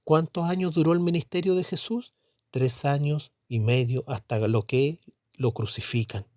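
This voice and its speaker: A man's voice: on the high side, moderate pace, darkish tone, no echo, studio quality. A middle-aged man preaching a Bible teaching sermon, emphatic, asking questions and answering them himself. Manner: emphatic, asks and answers his own questions; repeats tag question "¿no es cierto?".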